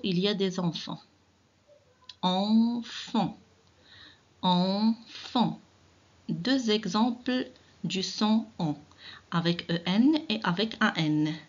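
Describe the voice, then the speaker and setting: A woman teaching children to read, stretching out each syllable with great patience. She speaks slowly and encourages her pupils often. The recording sounds dull and lo-fi. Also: medium pitch, expressive. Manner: slow, drawn-out syllable-by-syllable reading; encouraging, addresses children directly. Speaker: primary school teacher. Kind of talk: early reading lesson.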